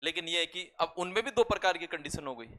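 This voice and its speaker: A man's voice: on the high side, expressive, fast, pushed and bright. A male math teacher from Rajasthan, lecturing a class in a chatty way, calling students "beta" and telling jokes and asides. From Rajasthan, India.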